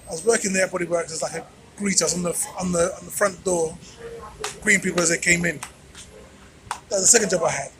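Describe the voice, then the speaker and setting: A man's voice: high-pitched, steady tone, quick pace, pauses often, background noise. A man vlogging informally to his viewers, speaking emphatically like a preacher and repeating phrases for effect. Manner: emphatic, preacher-like address with rhetorical repetition. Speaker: vlogger and channel host. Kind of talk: informal motivational monologue to viewers. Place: out on a street at night.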